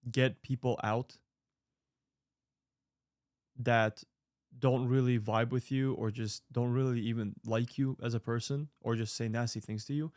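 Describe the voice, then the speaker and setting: This creator in his late twenties answers viewer mail with a casual, sincere advice monologue aimed straight at his audience. His middle-pitched voice has a darkish tone, and he rambles, restarts and uses fillers. The recording is dry and close with no room echo.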